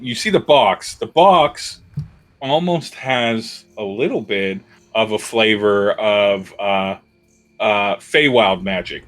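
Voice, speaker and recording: A man's voice: fairly low pitch, a bit bright. A man narrating a tabletop game as game master, describing scenes in a loose, rambling way.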